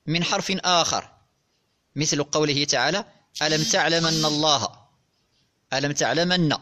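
Speaking directly to his students, a man methodically works through classical grammar, repeating examples and spelling them out. His voice sits on the high side and sounds a bit bright.

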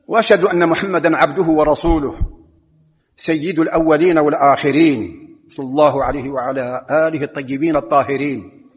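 A man with a Moroccan accent delivering a Friday sermon in a mosque, measured and emphatic, rising in pitch to stress points. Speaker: preacher. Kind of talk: Friday sermon with religious rulings. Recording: long reverb of a large hall.

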